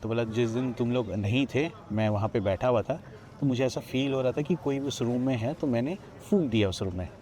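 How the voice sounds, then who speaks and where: Sitting at a riverside ghat outdoors, a man from Odisha, India, shares his own ghost story on a podcast, quoting many lines of dialogue. His medium-pitched voice is warm and moves a little fast.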